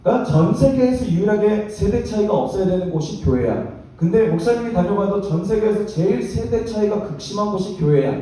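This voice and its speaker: A man preaches with a fairly high voice and a dark, mellow tone. He presses his points through repetition and asks the congregation to repeat after him. His voice carries through a very echoey church hall, picked up from some distance. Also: expressive, fairly quick. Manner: emphatic preaching with call-and-response repetition. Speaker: pastor. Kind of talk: sermon. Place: church youth worship hall.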